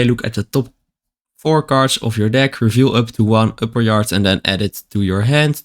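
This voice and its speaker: A man's voice: medium pitch, fairly bright tone. A man with the hiccups, reading card text aloud and explaining it plainly in a casual card-by-card deck walkthrough. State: has the hiccups.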